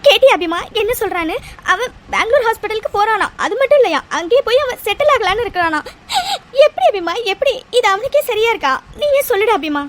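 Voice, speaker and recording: A woman's voice: very high-pitched, animated, quick pace, slight background noise. A woman voicing an anxious, tearful middle-aged mother in a cartoon drama, pleading with her son. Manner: pleading, emotional. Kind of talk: cartoon voice acting.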